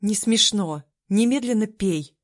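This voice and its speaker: A woman voicing a fiery young princess raised on the steppe, who bursts out loudly and tearfully. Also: lowish voice, normal speed, no echo, clean studio sound, natural voice. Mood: distraught. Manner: loud, heated, sobbing outbursts.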